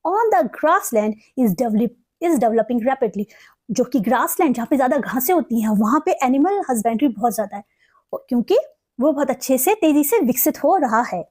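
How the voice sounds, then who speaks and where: A young Indian woman teaching English vocabulary, explaining meanings and reading example sentences slowly and carefully. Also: sits high, lively intonation, a little mellow. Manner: mixes Hindi explanation with slow, carefully read English examples. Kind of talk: explaining word meanings in a lesson.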